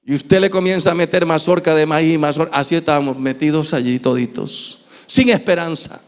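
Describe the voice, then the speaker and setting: A man with an Ecuadorian Spanish accent preaching a sermon in a church, swinging from shouting to hushed tones. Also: on the high side, normal speed. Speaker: pastor.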